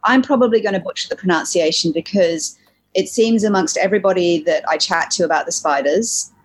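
A woman's voice: on the low side, a little fast, slightly rough. A woman from New Zealand who grew up in Hong Kong, with a mixed New Zealand and Hong Kong English accent, chatting easily as a guest on a podcast. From New Zealand, raised in Hong Kong. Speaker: spider photographer guest. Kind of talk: casual interview chat.

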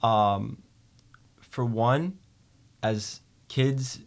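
A young man guest speaking in a measured, polite and thoughtful way. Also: medium pitch, creaky. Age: young adult. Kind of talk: casual conversation.

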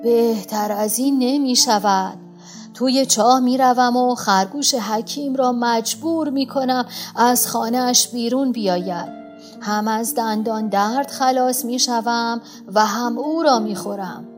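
A sly old fox groans and wheedles through a children's storybook, played by a woman who narrates the tale, stretching the words out slowly. The voice sits high, with faint music playing underneath. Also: natural voice. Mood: scheming.

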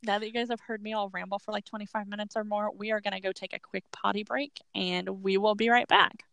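A woman's voice: medium pitch, steady tone, fast, vocal fry, fairly bright tone. A woman hosting a casual chat show, rambling informally in a slightly wheezy voice as if a little unwell. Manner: rambling, informal, laughs easily. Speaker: podcast host.

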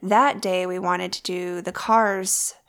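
A woman's voice: fairly low pitch, steady tone, slow, a bit bright, clear, resonant tone. A woman co-hosting a podcast, chatting casually and explaining details at length. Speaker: podcast co-host. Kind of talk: casual chat.

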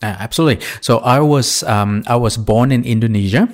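A man in his forties who grew up in Singapore, answering interview questions as a surgeon in a thoughtful way, with frequent pauses and restarts. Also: medium pitch. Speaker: surgeon guest.

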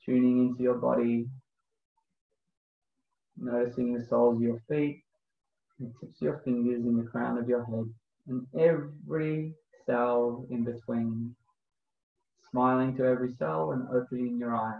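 A man with a gravelly, mid-range voice and steady tone guides breathwork as a guest coach, pacing his instructions slowly with space between phrases, then explaining things casually. The sound is thin and phone-like, echoing as if in a large room.

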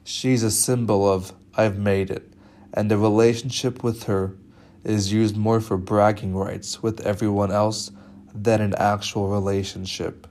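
A young man presenting a media studies film analysis in a measured, slightly halting way. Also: fairly low pitch, little pitch movement, darkish tone.

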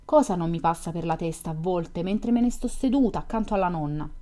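A talkative young woman full of teasing questions, read by a woman narrating a novel. The voice sits fairly low and sounds mellow and soft-edged. She chats along in a quick, curious, playful way. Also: lively intonation, natural voice. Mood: chatty, teasing. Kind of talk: audiobook reading of a novel.

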